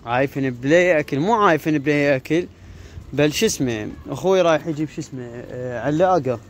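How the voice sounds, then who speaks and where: Talking quickly in a slightly high voice, a pigeon-keeping YouTuber with an Iraqi Arabic accent records a casual, chatty vlog on his handheld phone. He rambles and repeats filler phrases outdoors in a caged pigeon yard, with cooing pigeons and faint background noise.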